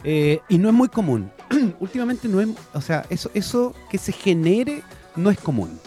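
Animated Chilean man co-hosting radio. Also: high voice, normal speed, soft background music. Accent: Chilean Spanish. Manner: animated, explains eagerly, switches between Spanish and English. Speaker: radio co-host. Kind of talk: casual bilingual radio chat. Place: radio studio.

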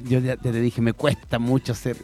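A man in his thirties with a Chilean Spanish accent, co-hosting a bilingual radio show in casual chat, animated and laughing often. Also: medium pitch, normal speed, faint music behind.

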